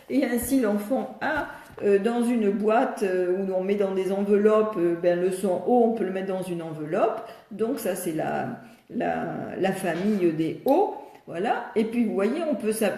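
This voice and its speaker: A woman's voice: medium pitch, mellow. Older woman, patient speech therapist. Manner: patient, step-by-step teaching tone. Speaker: speech therapist answering viewers' questions. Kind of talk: live video Q&A. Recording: echoey room.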